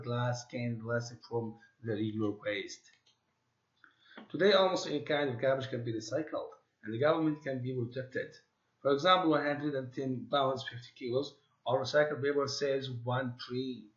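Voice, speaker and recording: A man teaching an English class, reading the text aloud and modeling question intonation for his students. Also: medium pitch. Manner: switches between English and quick Arabic explanations, models intonation. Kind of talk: classroom lesson. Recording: roomy, dull lo-fi classroom audio.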